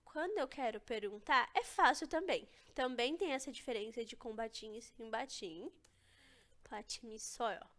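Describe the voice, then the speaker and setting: A woman's voice: a little high, normal speed, a bit bright. A young woman teaching an online language lesson, explaining step by step and checking in with her students often. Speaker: Korean teacher.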